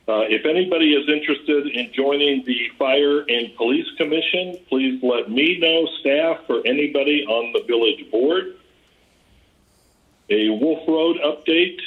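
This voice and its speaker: A man on a speakerphone leads a public meeting, his voice thin and phone-like as it plays into the room. He reads his report in a steady, businesslike way at a middling pitch, often pausing with "uh". The result is plain, practical and clear. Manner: steady, businesslike, with frequent "uh" fillers. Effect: heard over a speakerphone. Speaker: chair of a village board meeting. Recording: tinny speakerphone played into a room.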